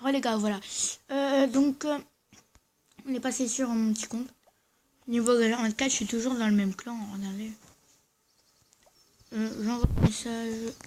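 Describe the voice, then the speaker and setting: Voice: medium pitch, steady tone, darkish tone. A speaker with braces slightly affecting their speech, giving casual, hesitant gameplay commentary and often correcting themselves. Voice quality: slurred, slightly odd speech from wearing dental braces. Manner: hesitant, halting, self-correcting. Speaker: gaming video host.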